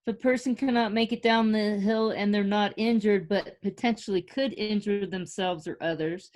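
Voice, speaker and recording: A woman's voice: medium pitch, steady tone, moderate pace, a little mellow. Woman patiently explaining in class. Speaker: ski patroller explaining to a classmate.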